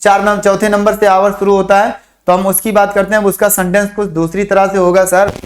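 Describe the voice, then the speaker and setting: A man teaching a chemistry lesson, repeating memory phrases slowly for students to write down and asking and answering his own questions. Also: high voice, flat delivery. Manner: drills mnemonics, repeats phrases slowly for dictation. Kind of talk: online classroom lesson.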